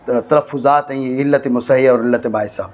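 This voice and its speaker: A man from Pakistan teaching a classroom lecture, often stopping to check that students follow and slowly repeating key phrases for stress. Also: mid-range voice, steady tone, a little mellow, faint music behind. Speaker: teacher of Arabic grammar. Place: madrasa classroom.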